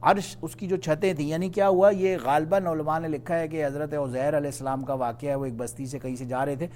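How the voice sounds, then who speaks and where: A man teaching a Quran study class, explaining patiently and reciting verses slowly. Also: a little high, steady tone, a little mellow, slight background noise.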